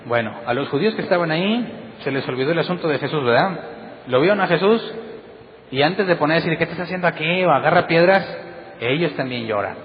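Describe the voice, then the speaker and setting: A man preaches a Bible study to his congregation, his voice pitched a little high. He keeps posing pointed questions and slips into quoted voices as he teaches. A long reverb trails his words in a church hall, and the sound is dull with a faint hiss behind it. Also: animated, fairly quick. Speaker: pastor. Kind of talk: sermon.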